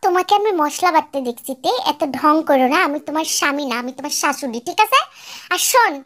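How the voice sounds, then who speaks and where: একজন নারী কণ্ঠ দিচ্ছেন এক কড়া, খিটখিটে বয়স্ক শাশুড়ির চরিত্রে, বাংলাদেশি টানে ধমকে কথা বলেন। কণ্ঠটা নারীর তুলনায়ও খুব উঁচু, আর কথায় ঝাঁঝ আর খোঁচা লেগেই থাকে। এক ফ্যান-ডাব নাটকের চরিত্র।. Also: female voice, high voice, lively intonation, fast, a bit bright. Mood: scolding. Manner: harsh, nagging, abusive scolding. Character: bossy scolding village mother-in-law, older woman. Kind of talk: fan-dub radio drama.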